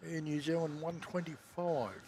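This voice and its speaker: A man's voice: fairly high pitch, moderate pace, background noise. A man hosting a live stream, calling out arriving flights in casual commentary. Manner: calls out arriving flights and reads viewer chat.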